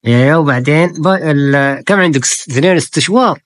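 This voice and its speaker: A woman's voice: deep voice, a little fast. A woman filming a casual family vlog, coaxing the children along with playful, admiring exclamations.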